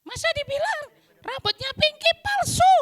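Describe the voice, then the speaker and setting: A woman voicing a sulky little girl puppet with pink hair, whining and shouting stubbornly. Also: very high voice, animated, moderate pace, pitched above the performer's own voice. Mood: sulky complaining. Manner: stubborn, whiny, shouting in a tantrum.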